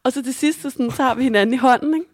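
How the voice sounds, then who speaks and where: Animated young woman telling a story. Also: high voice, dry recording, studio quality. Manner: animated storytelling, acts out quotes. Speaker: podcast co-host. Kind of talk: casual chat.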